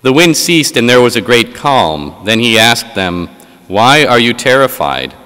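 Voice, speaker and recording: A man's voice: mid-range voice, big pitch swings, unhurried, pushed and bright, clear, resonant tone. A man, a priest, reads the gospel and then preaches a homily with frequent filler sounds, his voice ringing in a large church. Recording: long church reverb.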